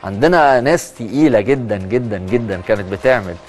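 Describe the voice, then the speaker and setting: A male TV presenter with an Egyptian accent talks quickly through a social media news round-up. He mixes read-out items with chatty, emphatic comments of his own, at a mid pitch. A faint music bed plays under his studio voice. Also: animated, a little mellow. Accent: Egyptian Arabic.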